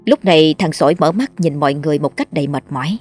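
Brief: woman storyteller, lowish voice, measured ghost-story narration over faint music. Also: expressive, a little mellow.

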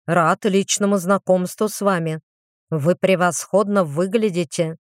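A woman's voice: fairly low pitch, steady tone, unhurried, no room sound, clean studio sound, close to an everyday voice. A woman voicing a reserved, courteous young man who is a tiger shifter.

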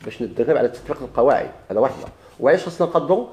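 Man, Moroccan Arabic accent, grammar teacher, classroom lesson, dark warm tone, questions and answers, repeats key points. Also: medium pitch, animated, racing.

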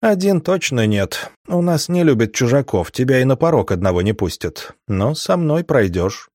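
A sharp-tongued young woman thief from a fantasy audiobook, put on by a male reader. She talks briskly and a little mockingly. The sound is dry and close. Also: sing-song, dry recording. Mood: wry. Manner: raised lighter pitch, brisk and sardonic. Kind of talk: audiobook character voicing.

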